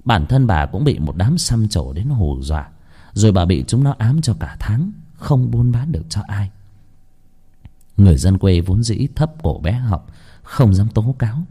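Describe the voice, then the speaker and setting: Man narrating a horror story, low dark voice. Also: unhurried, breathy edge. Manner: lively storytelling, colloquial.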